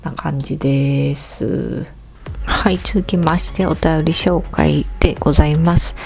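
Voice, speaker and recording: A woman's voice: deep voice, fairly even intonation, measured pace, creaky, a little mellow, faint music behind. A woman with a Kansai accent hosting a casual solo podcast, chatty and joking as she reads and answers listener mail. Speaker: podcast host.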